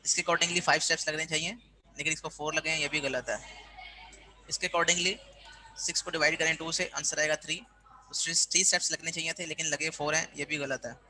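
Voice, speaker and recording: A man's voice: a little high, steady tone, fairly quick, pushed and bright, rough recording. A man teaching a university class, explaining step by step and often checking in with his students. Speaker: university lecturer. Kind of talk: classroom lecture.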